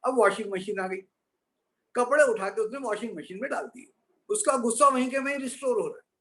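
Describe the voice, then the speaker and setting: High-voiced Indian man joking through a lecture. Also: brisk. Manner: playful wordplay, punchlines delivered softer. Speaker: guest speaker. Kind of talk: humorous motivational lecture.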